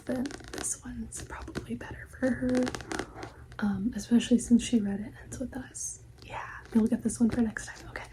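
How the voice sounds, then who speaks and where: Casting: woman playing a polite, helpful librarian, ASMR ASMR role-play, soft breathy library soft voice, very dark mellow tone, faint background noise. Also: on the high side, poor audio. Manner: gentle, hushed, attentive customer-service talk. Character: helpful, polite female librarian recommending books to a customer.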